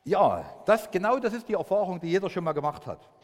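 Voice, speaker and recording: A man giving a children's sermon as pastor, telling it in a lively way and acting out the voices of the people he quotes. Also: high voice, fast talker. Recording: long church reverb.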